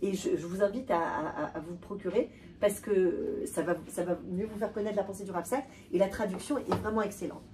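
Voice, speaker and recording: A woman giving an animated talk to an audience, often repeating and restarting words. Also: mid-range voice, brisk. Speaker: lecturer. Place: hall with a live audience. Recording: distant voice with faint room noise.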